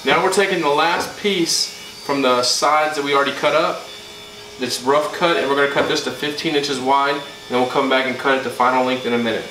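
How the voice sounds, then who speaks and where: A man, a woodworking channel host, giving relaxed, plain-spoken how-to narration with small self-corrections. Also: mid-range voice, a little fast. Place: home garage workshop. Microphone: camera mic from across the room. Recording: very echoey garage, distant mic, faint hiss.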